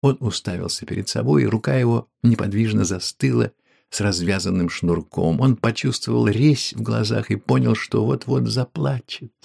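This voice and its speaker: A man reads a story aloud in a measured, unhurried way. His voice is low and gravelly with a husky, breathy grain. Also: dark tone. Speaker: audiobook narrator. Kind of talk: scripted narration.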